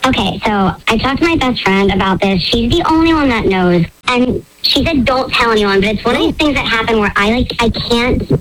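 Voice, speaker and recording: A woman's voice: on the high side, expressive, brisk, hardly any pauses, fairly bright tone, slight background noise, low-quality recording. A woman calling a radio show, her voice run through a voice changer, telling a story casually with lots of "like" and some rambling. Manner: rambling, hesitant, nervous laughs. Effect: voice changer disguising her voice. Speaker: caller confessing on a radio show. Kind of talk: casual storytelling, heavy use of "like".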